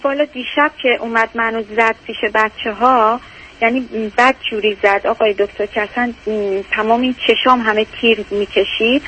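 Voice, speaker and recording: A woman's voice: a little high, steady tone, a bit bright, slight background noise, rough recording. A woman calling in to an advice show by phone, telling her story in a distressed, rambling way. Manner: distressed, fast rambling, tearful at times. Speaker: caller.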